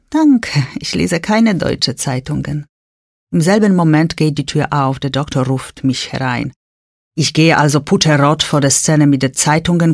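A woman's voice: sits low, no room sound, clean studio sound. An older woman telling a first-person story in a dramatic, proud and indignant manner.

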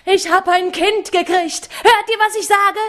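A woman's voice: fairly high pitch, slow pace. A woman voicing a boisterous, burly robber chief in a storybook reading, bellowing and rowdy. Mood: overjoyed. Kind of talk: audiobook reading.

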